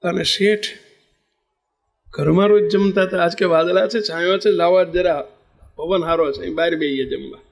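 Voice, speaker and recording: A man's voice: high voice, normal speed, creaky, long pauses. A man with a Gujarati accent, a spiritual teacher telling a devotional parable and acting out the characters' dialogue. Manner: lively storyteller acting out each character in dialogue. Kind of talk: devotional storytelling discourse.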